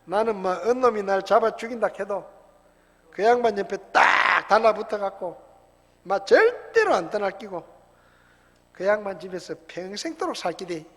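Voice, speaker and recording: A man putting on a Gyeongsang dialect to voice a boisterous, rough-spoken countryman reciting a psalm loudly and folksily. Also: sits high, lively intonation, moderate pace, full character voice. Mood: hearty, boastful. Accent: Gyeongsang dialect, put on. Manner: loud, hearty, rustic folksy delivery. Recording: long church hall reverb.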